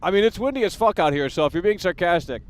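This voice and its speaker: A man hosting an improvised call-in comedy livestream outdoors in the wind on a headset, talking loud and frantic. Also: sits high, animated, fast, clean tone, dry recording. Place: windy outdoors.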